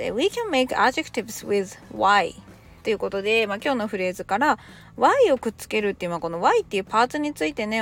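Lively Japanese woman teaching English. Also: mid-range voice. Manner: lively, chatty explaining with casual dialect. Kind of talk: podcast English lesson.

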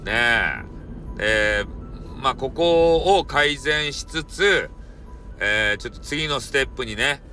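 A man's voice: mid-range voice, animated, slow, pushed and bright, soft background music. A man with a Hakata dialect hosting a solo podcast, joking around in a playful, mock-formal way. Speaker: podcast host, storyteller. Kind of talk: casual solo podcast talk.

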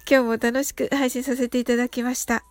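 A woman hosting a podcast English lesson, talking politely and chattily with soft fillers. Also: on the high side, flat delivery, fairly quick, no room sound. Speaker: host of an English-learning podcast.

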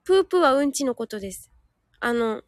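A woman's voice: high voice, lively intonation, fast, no room sound, clean studio sound. A woman hosting a live audio stream in a casual, chatty way, reading listener comments aloud and catching her own slips.

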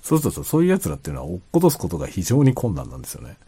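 A man chatting casually and quietly late at night, rambling as he explains, often trailing into soft asides. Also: huge pitch swings, racing, slightly rough. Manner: quiet, low-voiced late-night talk. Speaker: streamer chatting to listeners.

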